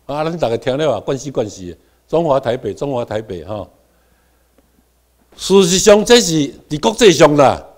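A middle-aged Taiwanese man giving a classroom lecture, with quiet asides and sudden loud stressed words, having the class repeat terms after him. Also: medium pitch.

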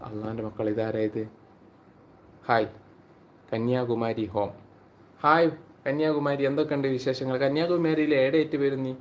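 A man's voice: medium pitch, steady tone, moderate pace, long pauses. A man, hosting a casual live stream on his phone and chatting with viewers by name. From Kerala, India. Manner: chatty, greets viewers by name and reads their comments aloud.

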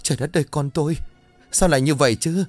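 A man's voice: on the low side, expressive, a little fast, dry recording, faint music behind, lightly acted. A man voicing a grieving, frightened old village mother who speaks in trembling, wailing pleas, raised above his own voice.

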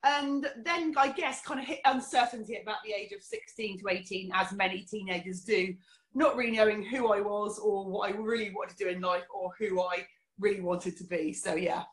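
A woman's voice: mid-range voice, normal speed. A middle-aged woman from England, candidly telling her life story as an interview guest, with many fillers. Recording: roomy echo.

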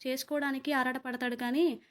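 Eerie, hungry old village crone for an audio horror story, high-pitched and wheedling, as a woman storyteller puts her on. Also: little pitch movement, brisk, natural voice. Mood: plaintive.

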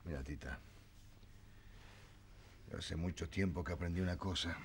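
An actor playing a weary, resigned working-class husband and father, gruff and slangy, with a Rioplatense accent. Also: low-pitched, moderate pace, slight background noise, natural voice. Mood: worldly. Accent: Rioplatense Spanish. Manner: gruff, uses street slang, drops to a whisper. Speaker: actor in TV drama. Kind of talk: 1970s TV drama acting.

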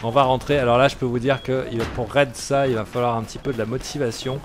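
A man's voice: mid-range voice, fairly even intonation, fast talker, background noise. A man giving casual gameplay commentary as a gaming YouTuber, talking in a chatty, hesitant way full of fillers.

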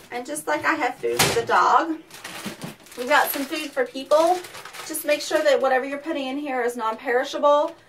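A high-voiced woman talks through a chatty, practical demonstration from inside a small underground shelter. Her voice has a hollow, cave-like echo and sits a little back from the microphone. A faint hiss lies underneath. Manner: practical, instructive, chatty with fillers. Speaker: safety presenter for a weather company. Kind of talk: casual how-to demonstration. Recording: distant mic, cave echo, faint noise.

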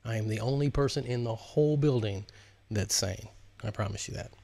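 Fairly low-pitched, warm and creaky, this fifty-something man speaks a little fast in a dry recording. He hosts a live stream as an author, chatting casually and reading from his audiobook, seated close to a large stand microphone in an indoor studio with a virtual backdrop.

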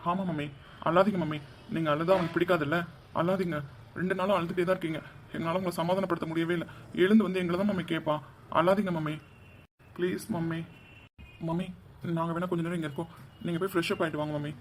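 A man voicing a young man who gently coaxes his mother to stop crying, in a cartoon dub. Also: on the high side, steady tone, quick pace, long pauses, slight background noise, natural voice. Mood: coaxing. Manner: gentle, coaxing.

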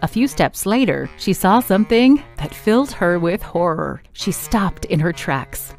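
A woman reading a children's story aloud at church, expressive and swooping up and down for emphasis. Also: lowish voice, measured pace, faint music behind.

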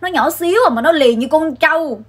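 A young woman, telling a comic childhood story in an animated, dramatic way. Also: high voice, brisk. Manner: animated and dramatic, acts out scenes. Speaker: vlogger.

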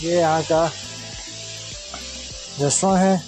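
High-voiced young man vlogging outdoors. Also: steady tone, takes it slowly, music in the background. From Pakistan. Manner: chatty, touristy, addressing viewers directly. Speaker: travel vlogger. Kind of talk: casual travel vlog narration. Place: outdoors by a waterfall in mountains.

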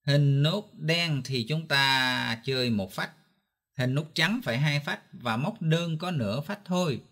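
A man's voice: fairly high pitch, lively intonation, unhurried, a bit bright. A man from Vietnam teaching a guitar lesson step by step, patiently counting beats and calling out note names. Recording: guitar playing in the background.

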